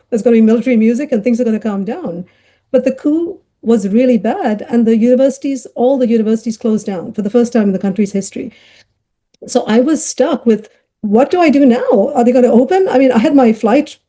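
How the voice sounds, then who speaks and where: Guesting on a podcast, a middle-aged child psychiatrist who grew up in Ghana tells her life story in a chatty, conversational interview, full of fillers and laughter. Her voice sits on the high side and sounds mellow.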